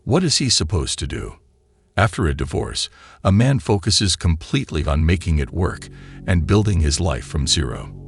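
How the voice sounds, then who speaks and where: A man narrating scripted commentary in a very deep, gravelly voice. His pitch swings widely as he lectures in a measured way. Faint music plays under him. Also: very animated.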